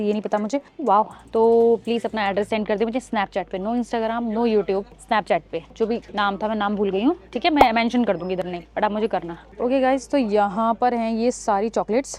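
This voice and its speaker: A young woman records a casual travel vlog inside an airport terminal. Her voice sits a little high, and she talks in a chatty way, calling her viewers guys and mixing in English words. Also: darkish tone. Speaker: vlogger host.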